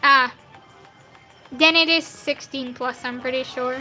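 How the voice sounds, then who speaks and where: During a live drawing stream of fan art, a nineteen-year-old woman makes rambling, slangy small talk, often at her own expense. Her high, youthful voice seems younger than her age; it's bright and forceful, fairly even in intonation, and unhurried, with faint music behind.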